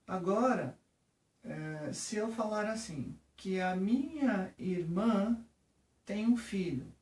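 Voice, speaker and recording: A teacher with a Brazilian Portuguese accent patiently teaches English vocabulary, often checking in with the viewer. Her mid-range, darkish voice has lively intonation and a slow pace, recorded from a distance in a roomy space.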